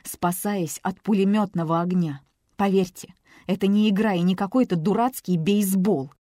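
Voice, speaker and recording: Brief: woman doing a tearful young woman in an audiobook, trembling, warm tone. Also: medium pitch, normal speed, dry recording, clean studio sound, lightly acted. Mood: distraught. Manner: trembling, emotional.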